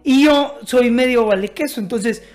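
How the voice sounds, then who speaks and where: A man's voice: extremely high pitch, normal speed, a little mellow. A man chiming in on a podcast story, chatty and laughing along. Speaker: podcast guest. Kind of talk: casual storytelling.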